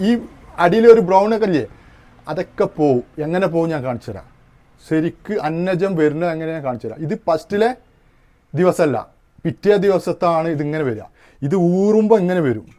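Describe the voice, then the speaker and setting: A man's voice: fairly high pitch, expressive, moderate pace, mellow. A man giving a casual hands-on demonstration, explaining each step and checking that the listener understands. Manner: explains step by step, keeps asking if you understand. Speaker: home arrowroot powder maker demonstrating.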